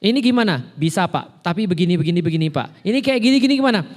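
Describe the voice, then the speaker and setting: An obliging office employee, as a man acts him out, eager to please his boss, in a high male voice. A long hall reverb trails behind. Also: lively intonation, racing. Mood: deferential.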